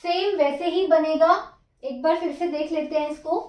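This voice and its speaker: A woman's voice: high voice, fairly even intonation, normal speed, dark tone, roomy sound. A woman teaching Japanese script, counting out each stroke in a patient, stepwise way. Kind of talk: slow stroke-by-stroke writing lesson.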